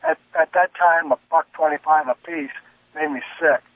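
This is an older man phoning in to a talk show from his speakerphone. The sound is dry and tinny, as if the phone line cuts out the highs and lows. His voice sits a little high, and he talks haltingly, going back to repeat his words. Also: fairly even intonation, no echo. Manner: halting, restarts and repeats himself. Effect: caller on a speakerphone over a phone line. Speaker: caller. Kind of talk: call-in to a radio talk show.

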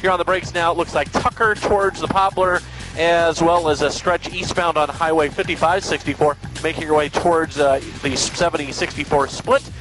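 A man's voice: on the high side, fairly even intonation, normal speed, music in the background, low-quality recording. A man giving a live airborne traffic report from an aircraft, partly off the cuff. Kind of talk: live traffic report, unscripted then sponsor read. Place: in an aircraft over the city.

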